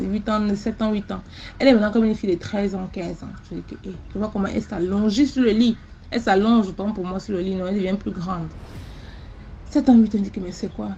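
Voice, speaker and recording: A woman with a gravelly mid-range voice tells an animated first-person mystical story, full of repetition and sound words. There's slight background noise, and the recording has a somewhat dull quality.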